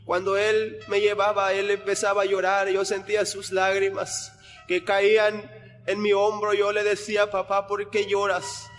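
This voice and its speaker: A man's voice: high voice, completely flat delivery, measured pace. A young man earnestly giving a spoken religious testimony, retelling events with repeated phrases. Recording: long hall reverb with faint music.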